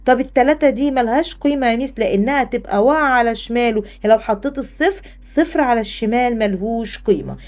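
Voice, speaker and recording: A woman's voice: a little high, quick pace. A woman with an Egyptian accent teaching a primary school math lesson, speaking straight to the pupil and acting out the pupil's answers. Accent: Egyptian Arabic. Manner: lively, talks to the pupil, voices the pupil's replies.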